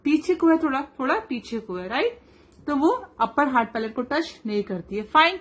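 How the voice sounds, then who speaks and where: A woman with a somewhat high voice gives a patient tajweed lesson to a child. She draws recited words out slowly to demonstrate them. She checks understanding with quick questions. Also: animated. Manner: asks quiz questions and checks with "right?" and "fine". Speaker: Quran recitation teacher. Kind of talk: tajweed lesson for a child, mixing Urdu and English.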